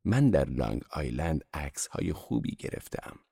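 A man's voice: rumbling low, sing-song, gravelly, dark tone, husky, dry recording, clean studio sound, voice pushed down, exaggerated voice. A man voicing a meek, eager middle-aged photographer, speaking in a subdued way. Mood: earnest.

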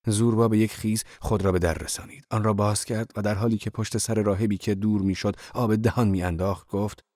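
A man narrating a novel as an audiobook in a measured, even reading. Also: lowish voice, no echo, clean studio sound.

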